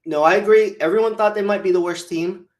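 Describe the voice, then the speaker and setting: A man chatting on a fantasy football podcast in a fairly high voice. His talk is relaxed and rambling, full of fillers, and sounds like it comes through a remote call mic. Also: fast. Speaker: podcast co-host. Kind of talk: casual fantasy football chat.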